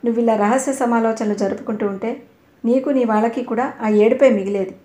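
A woman's voice: fairly high pitch, steady tone, brisk, warm tone, roomy sound, lightly acted. A woman voicing a stern, sarcastic male tutor in an audio novel, probing with pointed questions.

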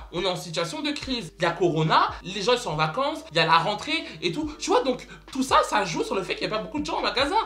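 Young man, storytime vlog, rapid talker, dramatic, emphatic repetition, faint music underneath. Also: a little high, sharp tone. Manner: dramatic, exclamatory, repeats words for emphasis. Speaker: vlogger.

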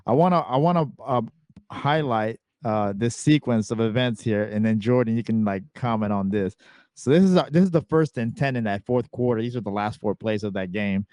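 A man hosting a casual sports podcast, walking through game clips in a relaxed, chatty way. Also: lowish voice, normal speed, dry recording, studio quality. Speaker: podcast host.

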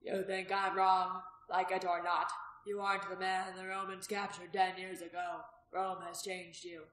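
A woman's voice: lowish voice, little pitch movement, a little slow, fairly bright tone. Woman doing a sly graying innkeeper. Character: sly prosperous graying male innkeeper, mocking. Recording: roomy echo.

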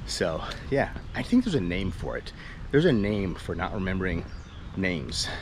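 His voice sits low and is very animated, moving at a moderate pace. A vlogger in his forties, he's out on a sunny residential street giving a casual walking tour, rambling and joking to himself with an action camera held at arm's length. Outdoor street noise is audible, mostly ambience and cars going by.

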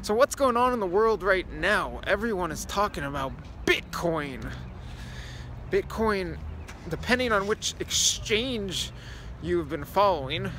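Walking through a city square as dusk falls, a young vlogger talks to the phone camera at arm's length and casually shows viewers around. He has a high-pitched, sharp-toned voice, and the recording carries a little hiss or hum.

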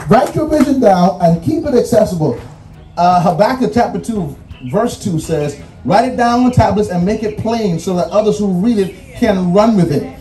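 A high-pitched, mellow-toned man with a Bahamian accent gives a commencement address in a preaching cadence, emphasizing his points and repeating key phrases. He's recorded on a distant mic in a roomy, echoing space, with faint music behind him.

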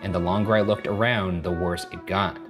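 A young man hosting a show, reading a horror story in a measured way and chatting wryly in a dark studio. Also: low-pitched, steady tone. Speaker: host and story reader. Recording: music playing underneath.

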